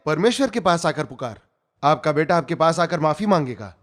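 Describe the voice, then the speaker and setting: A man's voice: a little high, lively intonation, brisk. A middle-aged man preaching a sermon, telling a story with drama and acting out the voices he quotes.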